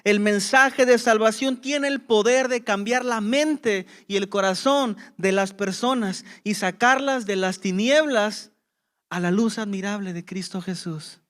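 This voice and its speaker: A man's voice: high voice, a little slow, fairly bright tone, smooth. A man preaching a sermon as pastor, with impassioned emphasis and rhetorical questions to the congregation.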